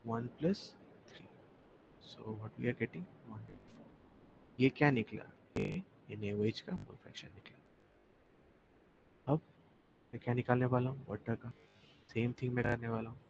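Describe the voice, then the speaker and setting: Slow, gravelly-voiced young male teacher. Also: mid-range voice, fairly even intonation, soft background music. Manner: slow, repetitive explaining, mixing Hindi and English, asking students questions. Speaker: chemistry teacher. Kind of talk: online class lecture. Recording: dull lo-fi audio with faint noise.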